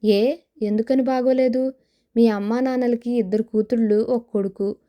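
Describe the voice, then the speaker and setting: A woman's voice: a little high, fairly even intonation, normal speed, lo-fi sound, close to an everyday voice. A woman voicing a scheming young woman who coaxes her friend with persuasive talk, in an audio novel. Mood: coaxing. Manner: coaxing, persuasive.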